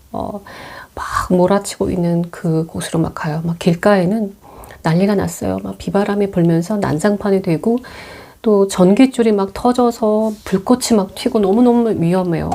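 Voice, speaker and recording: Middle-aged female storyteller recapping a film, casual and chatty, mellow low-key timbre. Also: creaky. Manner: chatty, many fillers, acts out quotes. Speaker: movie mentor retelling films. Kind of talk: audio film retelling.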